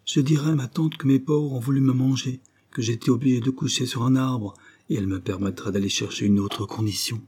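A man's voice: mid-range voice, steady tone, brisk, dark tone, breathy edge, voice pushed up, close to an everyday voice. A man reading a timid pleading orphan boy. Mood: earnest.

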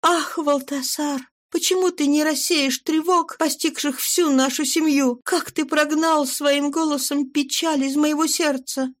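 A woman's voice: high-pitched, steady tone, a little slow, hardly any pauses, pitched above the performer's own voice. Brief: female reader does anxious loving wife, raised and fervent. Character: devoted wife, anxious and passionate.

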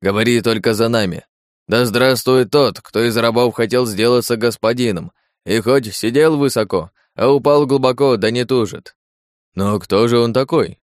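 A man's voice: medium pitch, moderate pace, dry recording, studio quality, natural voice. A man voicing a boastful demon disguised as a big-headed Cossack, swaggering and persuasive in an audiobook. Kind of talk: audiobook character voice.

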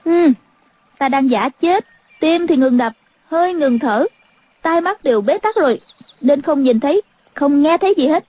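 A woman voicing a mischievous, spiteful teenage girl from a martial-arts story, shrill and taunting in a dull lo-fi recording. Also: animated, unhurried, long pauses, dry recording. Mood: smug.

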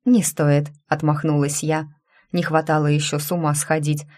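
A woman narrating a first-person story in a steady, unhurried reading voice. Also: sits low. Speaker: audiobook narrator.

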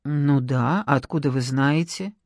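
A woman's voice: extremely low pitch, a little slow, darkish tone, no echo, clean studio sound, pitched below the performer's own voice. A woman reading an audiobook, voicing a flustered, apologetic shop worker who speaks in a hesitant, muffled way.

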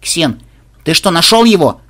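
A whiny, anxious young granddaughter, as a male narrator puts her on, impatient and quick to complain. The voice is husky and breathy, with a pitch that rises and falls a lot. It reads like a storybook character. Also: expressive.

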